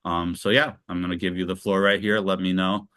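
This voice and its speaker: Man, interview host, very low voice, dry close sound, loose filler-heavy talk. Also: flat delivery, fairly quick, a bit bright, no room sound. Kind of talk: casual online interview.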